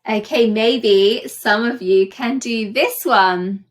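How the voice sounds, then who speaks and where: A woman teaching a children's phonics lesson, modeling sounds and words in slow, exaggerated speech with short instructional prompts. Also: a little high.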